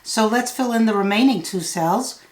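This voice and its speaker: A woman giving a solve-along tutorial, thinking out loud step by step in a measured way. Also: fairly high pitch. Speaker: puzzle tutor. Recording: roomy, echoey sound.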